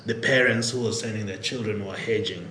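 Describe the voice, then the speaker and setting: A man with a Kenyan accent telling his story casually as a podcast guest, in a halting way with many filler phrases. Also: on the low side, fairly even intonation, bright, forceful tone. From Nairobi, Kenya. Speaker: podcast guest, product executive. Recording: roomy echo, faint background noise.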